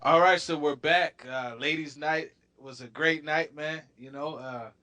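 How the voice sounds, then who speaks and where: A man co-hosting a sports talk show, talking in a relaxed, friendly way with plenty of fillers. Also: a little high, measured pace. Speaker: co-host.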